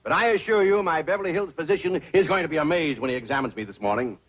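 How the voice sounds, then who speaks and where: An actor playing a pompous, middle-aged city banker with proper diction, easily flustered, in a television sitcom. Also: male voice, fairly high pitch, quick pace, a bit bright, muffled recording. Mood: self-satisfied. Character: fussy, self-satisfied city banker. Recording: noisy old TV soundtrack.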